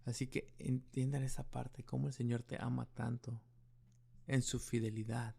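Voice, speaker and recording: Gravelly-voiced man preaching a sermon. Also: medium pitch, flat delivery, normal speed, dark tone. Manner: earnest preaching with personal story. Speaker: pastor.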